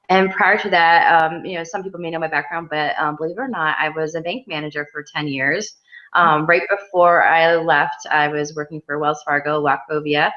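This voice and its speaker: A woman's voice: on the low side, bright, forceful tone. A woman artist from Western New York, chatting casually in an interview with lots of ums. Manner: chatty, many ums, laughs easily. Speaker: mixed media artist, guest. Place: outdoor art studio. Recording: dull lo-fi sound.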